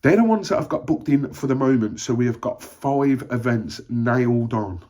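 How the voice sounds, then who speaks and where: A man's voice: mid-range voice, lively intonation, moderate pace, mellow. A young man from Birmingham with a Birmingham accent, chatting to camera in a casual, encouraging running vlog, with frequent ums and uhs. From Birmingham, England. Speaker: running vlogger.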